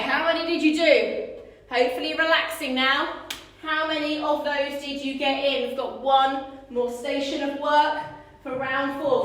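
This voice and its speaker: Echoey, high-pitched woman coaching a workout. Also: bright, forceful tone. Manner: urging, instructive, calling out counts and cues. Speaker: fitness instructor. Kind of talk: live-streamed HIIT workout coaching. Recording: echoey room, distant microphone.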